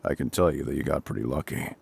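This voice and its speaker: A voice actor takes on the role of a calm, reassuring fire captain, speaking straight to the listener in a scripted, intimate audio roleplay. The voice is very deep, gruff and husky, with an exaggerated, gravelly quality and a measured, matter-of-fact, comforting tone.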